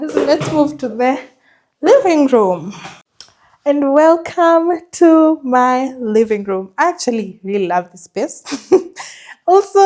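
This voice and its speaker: A woman's voice: mid-range voice, mellow. A woman giving a casual, chatty house tour, enthusiastic about what she shows. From Kenya. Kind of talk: casual vlog chat.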